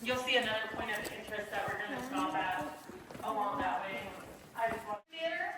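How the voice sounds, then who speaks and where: A woman's medium-pitched voice, brisk with lively intonation, echoes through a large cave as she leads a tour in a casual, chatty way and reminds people about safety. The recording catches her from a distance, echoey, with faint noise.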